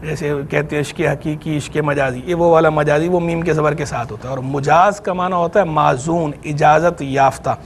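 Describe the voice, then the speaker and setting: High-voiced Pakistani man explaining patiently. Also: steady tone, normal speed, hardly any pauses, slight background noise. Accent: Pakistani Urdu. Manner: patient, methodical explaining of grammar terms. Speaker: Islamic scholar answering questions. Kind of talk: explanatory religious Q&A on TV. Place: TV studio.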